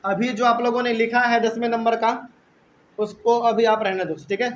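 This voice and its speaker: Male teacher, young, very high bright voice, classroom lecture, repetitive and drawn-out, faint room noise. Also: little pitch movement, muffled recording. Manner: repetitive, drawn-out, checks in with students. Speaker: chemistry teacher. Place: classroom with live and online students.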